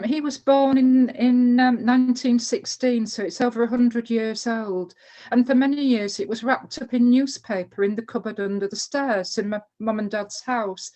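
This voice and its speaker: Older woman, gentle hesitant storytelling, fillers, video call, higher pitch. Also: low-quality recording. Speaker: workshop participant. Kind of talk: personal storytelling.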